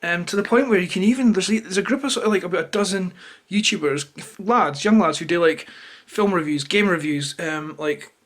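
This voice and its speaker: A man's voice: high voice, fairly quick, fairly bright tone. A Scottish man giving a rambling, unscripted, irritated rant to camera with plenty of swearing. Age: adult, parent of a toddler. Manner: irritated, opinionated. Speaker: YouTuber. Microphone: camera held or placed close to him.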